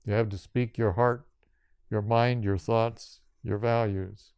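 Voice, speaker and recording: Older man, yoga teacher, unhurried delivery, clear resonant voice, dry close sound. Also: lowish voice, fairly even intonation, darkish tone, no room sound. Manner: slow, deliberate, in short listed phrases. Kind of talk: spiritual talk.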